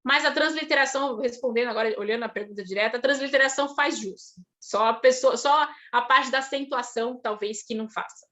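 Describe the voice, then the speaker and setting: A woman with a Brazilian Portuguese accent, a guest speaker answering audience questions on a video call, talking in a thoughtful, halting way with many restarts. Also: on the high side, pushed and bright. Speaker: guest speaker on Russian literature.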